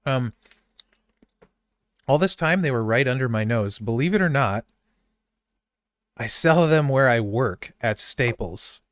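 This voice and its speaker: A man talks through a relaxed podcast chat, eagerly praising what he is tasting. His voice sits at an ordinary middle pitch. The recording is dry and close. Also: measured pace, pauses often, dry recording. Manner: chatty, gushes over candy while chewing. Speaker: podcast host.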